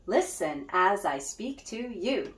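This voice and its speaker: A woman's voice: mid-range voice, sing-song, slow, fairly bright tone. A woman music teacher leading a children's lesson, cheerful and guiding with call-and-response. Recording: roomy echo.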